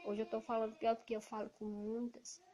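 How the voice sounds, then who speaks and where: A woman from Ceará with a Cearense Brazilian accent, talking loudly and emphatically in an indignant casual monologue to camera. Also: a little high, flat delivery, a little fast. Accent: Cearense Brazilian Portuguese. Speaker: evangelical vlogger. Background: noisy children.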